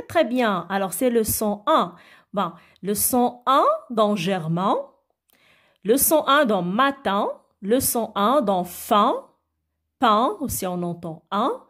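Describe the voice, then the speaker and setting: A woman's voice: medium pitch, slightly rough. A woman teaching a phonics lesson to young schoolchildren, patiently spelling out letters and checking in with them often. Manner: slow, patient, repeats "d'accord?" and sounds letters out. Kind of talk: recorded phonics lesson for children.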